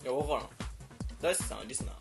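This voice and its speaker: Male co-host, animated, fast and bright-pitched, with music in the mix. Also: gravelly. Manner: lively, quick, laughs often. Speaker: podcast co-host. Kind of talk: casual comedy chat with segment intros.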